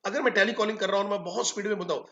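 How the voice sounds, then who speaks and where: A man giving an energetic training talk on tele-calling, animated and full of quick acted examples. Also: sits high. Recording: echoey room, dull lo-fi sound.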